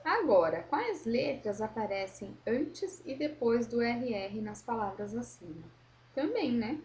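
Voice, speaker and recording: A woman teacher correcting a worksheet for young pupils, slowly modelling words and explaining patiently. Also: on the high side, sing-song, a little mellow, slight background noise. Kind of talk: correcting a school worksheet for children.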